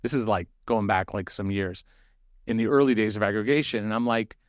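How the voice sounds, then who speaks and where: A man's voice: fairly low pitch, a little fast, dry recording, studio quality. Chatty man hosting a webinar. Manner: loose, chatty, with many fillers and restarts. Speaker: webinar co-host reading audience questions. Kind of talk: casual webinar chat.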